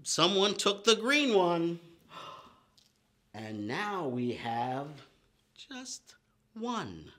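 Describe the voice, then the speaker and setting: In a very slow preschool lesson full of long pauses, a middle-aged man uses a high, bright, forceful voice with huge pitch swings. He hosts storytime with chants and counting rhymes, phrasing things in an exaggerated, simple, repetitive way, inside a room with a painted paper backdrop.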